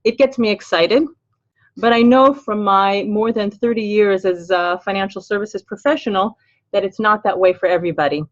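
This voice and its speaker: An older American woman, originally from Los Angeles, presents a webinar on financial planning in a muffled recording. She keeps a steady tone at normal speed in a medium pitch, staying chatty and upbeat with everyday fillers.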